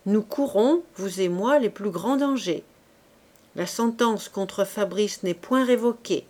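A woman reading aloud, voicing a composed, shrewd duchess who speaks in a measured, direct way. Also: mid-range voice, a little mellow, natural voice. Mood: grave. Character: composed, shrewd duchess, a calm court lady. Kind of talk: audiobook reading.

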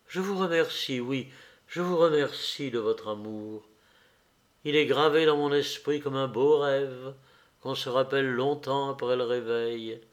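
A man reading aloud and voicing an earnest, tender young woman in a soft, pleading way. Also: mid-range voice, close to an everyday voice.

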